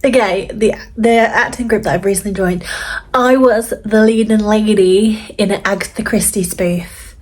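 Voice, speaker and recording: A woman's voice: mid-range voice, steady tone, moderate pace, a little mellow. A woman, chatting casually and reflectively as she replies to her younger self in a vlog. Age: 30s. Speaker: vlogger.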